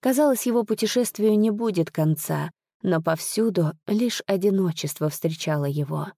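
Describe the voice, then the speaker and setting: A woman narrates a fairy tale with measured, expressive delivery. Her voice is dark and mellow. The recording is dry and close, with no room sound. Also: on the low side, no echo. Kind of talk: storybook narration.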